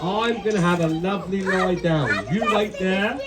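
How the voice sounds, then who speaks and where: A man with an English accent voicing an excitable, teasing clown puppet in an interactive children's show, exclaiming in pantomime style. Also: sits high, normal speed, close to an everyday voice. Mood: playful. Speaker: Punch and Judy puppeteer. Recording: noisy outdoor recording with loud crowd.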